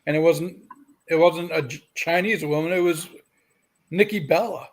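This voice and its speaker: In a slightly high voice at a moderate pace, a man co-hosting a podcast keeps the conversation casual. He regularly steps in to correct and fact-check the other speaker's claims.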